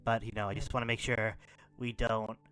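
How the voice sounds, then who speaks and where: A man's voice: on the low side, flat delivery, a little fast, a bit bright, soft background music, natural voice. A man voicing Tuff, a nervous long-haired teenage cat boy who stammers when flustered. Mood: hushed, cautious.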